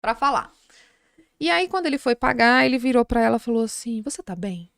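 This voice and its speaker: A woman's voice: on the high side, fairly quick, creaky, clean tone, dry recording, studio quality. A middle-aged woman with a Brazilian Portuguese accent, a psychologist guest on a podcast, telling a story in casual conversation and acting out the people in it. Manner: animated retelling with quoted voices.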